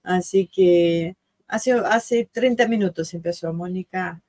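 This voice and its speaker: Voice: mid-range voice, slow pace, a little mellow, no room sound, soft background music. A host chatting casually with viewers about the stream, apologetic and talkative. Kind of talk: casual live-stream chat.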